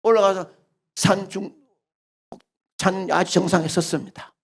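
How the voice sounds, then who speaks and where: A Korean pastor with a Gyeongsang accent preaching a sermon as animated storytelling, moving between loud and quiet passages. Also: male voice, sits high, unhurried, creaky, husky.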